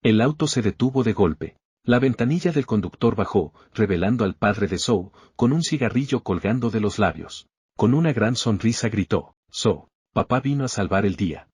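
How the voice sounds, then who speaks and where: A man with a low, husky voice tells an action story in a steady, even manner. His voice is recorded dry and close, with no room sound behind it. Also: normal speed, no room sound. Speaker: narrator. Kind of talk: scripted story recap narration.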